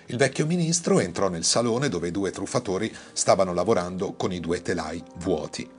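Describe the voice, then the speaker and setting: A man narrating a fairy tale in a scripted, expressive reading, raising his voice for the characters' lines. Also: deep voice, moderate pace. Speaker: storyteller. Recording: faint music behind the voice.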